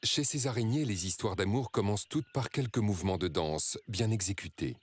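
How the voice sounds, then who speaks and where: A man reading scripted nature documentary narration in a measured, dramatic storytelling way. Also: on the low side, breathy edge.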